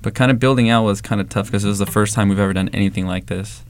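A young man from the San Fernando Valley in Los Angeles, co-owner of an ice cream shop, answers interview questions casually. His lowish voice moves very fast, with lots of fillers and restarts as he tells stories, and there's no room sound.

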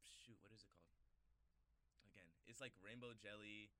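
A man's voice: on the low side, moderate pace, pushed and bright. A man hosting a casual interview show, chatty and loose, often hunting for the right word. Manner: loose, chatty, searches for words. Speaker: show host.

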